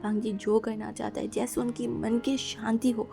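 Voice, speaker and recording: A woman's voice: a little high, little pitch movement, normal speed, gravelly, warm tone, soft background music. A woman narrating a fan-fiction story in a casual, chatty way, mixing in English words and frequent fillers.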